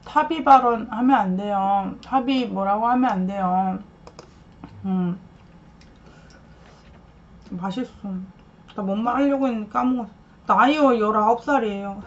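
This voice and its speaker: Long pauses break up the measured, mid-range speech of a young woman streaming herself eating at a table in a small room. As a mukbang streamer she chats casually, thanks her viewers and murmurs between bites, and the stream audio is dull, lo-fi and faintly noisy.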